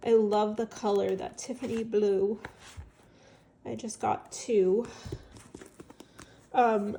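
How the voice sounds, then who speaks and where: Slow, gravelly woman with a stuffed-up nose. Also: mid-range voice, steady tone, dark tone, a little hiss or hum. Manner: chatty, enthusiastic, musing aloud with fillers. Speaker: vintage seller showing an estate sale haul. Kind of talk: casual show-and-tell vlog.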